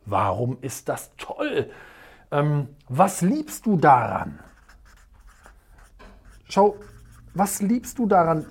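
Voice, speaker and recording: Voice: mid-range voice, breathy edge. A motivational coach teaching at a whiteboard, talking emphatically, repeating rhetorical questions and telling stories dramatically. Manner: tells stories in a lively, dramatic way. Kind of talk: motivational video lesson at a whiteboard.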